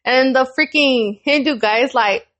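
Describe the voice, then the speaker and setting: A young adult woman co-hosting a podcast, telling a story in casual chat, animated and profane and laughing often. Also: high voice, moderate pace. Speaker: podcast co-host.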